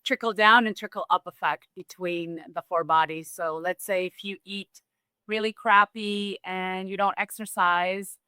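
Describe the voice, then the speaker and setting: A woman from Romania talking as a guest in a relaxed, thoughtful interview, with restarts and small laughs. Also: medium pitch, measured pace, clean tone, no room sound. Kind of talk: casual conversational interview.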